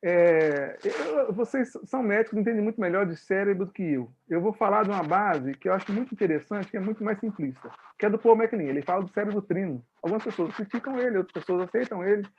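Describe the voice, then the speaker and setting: A man's voice: sits high, animated, fast, few pauses, darkish tone, dull audio, slight background noise. A man with a Brazilian Portuguese accent giving a conversational online lecture to medical students, explaining with acted-out examples and questions to his listeners. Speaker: guest lecturer on leadership.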